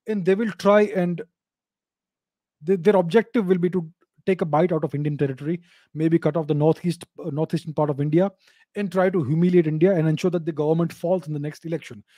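A middle-aged man hosting a live video Q&A, talking into a close studio microphone in a home study. He explains in a measured way and repeats his key points. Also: fairly high pitch, warm tone, no room sound. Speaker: host answering live video call questions. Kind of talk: live video chat Q&A on geopolitics. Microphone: studio mic on a boom arm, close.

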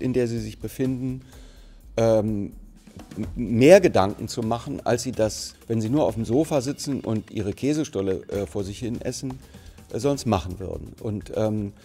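A mellow, medium-pitched voice belongs to a middle-aged Berlin actor with a light local accent. Interviewed for a museum anniversary, he sits framed mid-shot to camera in a plain, bright indoor studio and answers reflectively, often restarting and filling pauses as he looks for the right words.

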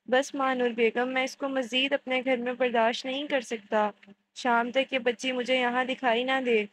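A woman's voice: sits high, little pitch movement, a little hiss or hum, close to an everyday voice, rough recording. A woman reading the lines of a stern, domineering middle-aged father in a storybook reading, scolding and commanding. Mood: harsh.

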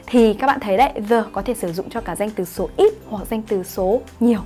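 A woman's voice: medium pitch, a little fast, dark tone, soft background music. A woman English teacher, explaining grammar in an online lesson and often asking her students whether they follow. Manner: explains patiently, asks "right?" to check understanding.

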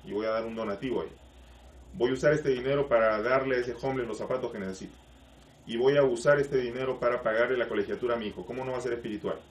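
A man's voice: mid-range voice, fast, far from the mic. Man teaching in an echoey room. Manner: explanatory, uses rhetorical questions, greets viewers by name. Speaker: life coach and spiritual teacher. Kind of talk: live-streamed talk to online viewers.

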